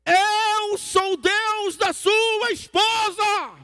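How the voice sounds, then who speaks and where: Guy doing a huge booming god voice, slow yelling, gravelly edge, big church reverb. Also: steady tone, full character voice. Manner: thunderous, drawn-out shouting. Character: booming male voice of God from nowhere.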